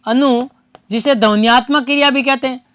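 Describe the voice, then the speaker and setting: High-pitched woman teaching grammar. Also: steady tone, a bit bright, clear, resonant tone, no room sound, clean studio sound. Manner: asks rhetorical questions and answers them herself; repeats key terms slowly and addresses the students directly. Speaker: exam prep teacher. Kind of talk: classroom-style grammar lesson.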